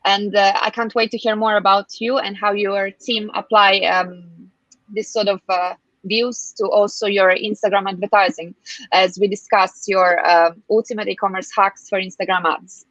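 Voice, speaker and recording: A woman hosts and interviews on a live online interview, reading a scripted introduction and questions in effusive wording with slightly hesitant phrasing. Her voice is medium-pitched, level, a bit bright, and at normal speed. The dry recording sounds dull and lo-fi.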